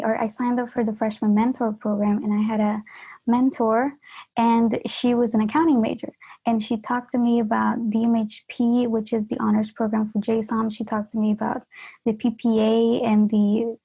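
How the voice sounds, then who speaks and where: A Honduran graduate student in her twenties answers interview questions in an earnest, measured way. Her voice sits on the high side, with a dark tone and a breathy edge.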